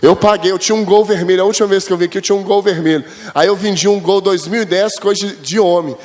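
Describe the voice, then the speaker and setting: Male pastor, high-pitched, chatty storytelling sermon with acted-out dialogue. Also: steady tone, fast. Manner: storytelling, chatty, addresses the congregation as brothers; acts out quoted dialogue with God, rising high and loud.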